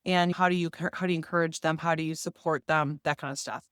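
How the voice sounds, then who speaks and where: A woman's voice: deep voice, fairly even intonation, fast, fairly bright tone, smooth, no room sound, studio quality. A woman in her forties talking casually and earnestly straight to the viewer about her fitness year. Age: 40s. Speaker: fitness vlogger. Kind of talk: casual direct-to-camera talk.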